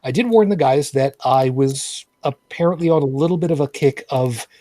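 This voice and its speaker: A man's voice: medium pitch, moderate pace, mellow, dry recording. A man hosting a live vlogcast, chatting casually with co-hosts, rambling with lots of fillers and restarts, often sarcastic. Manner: rambling, filler-heavy, repeats and restarts phrases. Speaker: main host.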